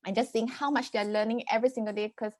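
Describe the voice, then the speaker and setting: A Singaporean woman in her thirties, a parenting coach, earnestly explains her ideas as a guest in a conversational podcast interview. Her fairly high, darkish voice is quick and fairly even in intonation, with many fillers and restarts. The recording is dry.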